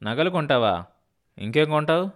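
A man's voice: a little high, animated, moderate pace, lightly acted. Bitter ruined landowner husband voiced by a man. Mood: mocking. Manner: curt and mocking. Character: gruff ruined middle-aged landowner husband, bitter, sulky.

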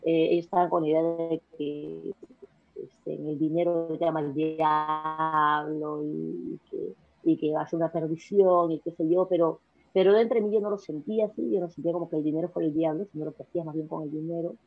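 A young woman talks quickly and energetically, restarting and repeating herself as ideas pile up. Her voice is husky and comes through thin and tinny, as over a phone line. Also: deep voice, faint music behind. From Peru. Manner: fast, energetic talker with many restarts and repeated words. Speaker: interview guest. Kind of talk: casual conversational interview.

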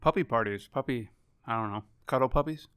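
A man's voice: mid-range voice, fairly quick, a bit bright, clear, resonant tone, no room sound, clean studio sound. A man hosting a casual podcast chat, joking and swearing freely, sometimes talking with his mouth full. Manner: joking, casually profane, talks through mouthfuls of food. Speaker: podcast host. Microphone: podcast microphone.

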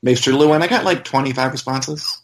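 A man's voice: medium pitch, brisk. A man talking casually as a podcast co-host, in an informal, conversational way. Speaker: website editor and podcast co-host.

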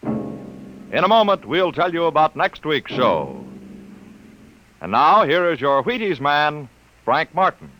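A man's voice: fairly high pitch, big pitch swings, takes it slowly, long pauses, a bit bright, faint music behind. A man reading credits as a 1950s radio announcer, on an old broadcast disc.

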